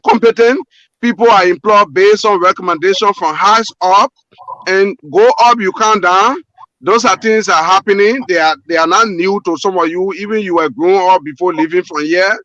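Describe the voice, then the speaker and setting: A man's voice: high voice, normal speed, sharp tone, no echo, dull audio. A Liberian man, a port manager guest on a call-in show, speaking earnestly with many repeats and restarts. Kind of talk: call-in radio interview.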